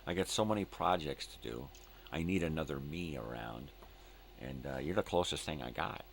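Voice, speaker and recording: A man's voice: a bass voice, moderate pace, vocal fry, a little hiss or hum. An older man hosting a live morning show with casual, rambling chat in laid-back hippie slang, drifting along and repeating himself.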